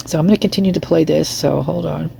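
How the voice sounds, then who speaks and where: A woman's voice: low-pitched, quick pace, creaky, dark tone, slight background noise. A woman hosting a vlog with casual, rambling commentary in a blunt, sceptical manner. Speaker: vlog host.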